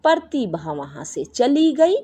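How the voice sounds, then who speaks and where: A woman narrating a bedtime story in a slow, expressive storytelling manner. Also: a little high, husky.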